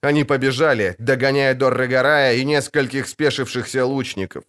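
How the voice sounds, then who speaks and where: A man narrating a dramatic fantasy audiobook in a steady, vivid storytelling voice. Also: mid-range voice, moderate pace, clean tone.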